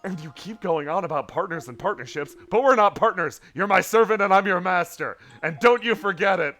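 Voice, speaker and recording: A man's voice: sits high, expressive, a little fast, pushed and bright, faint music behind, pitched above the performer's own voice, full character voice. A man voicing a haughty, domineering female companion who mocks the hero in a video game. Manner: domineering, mocking.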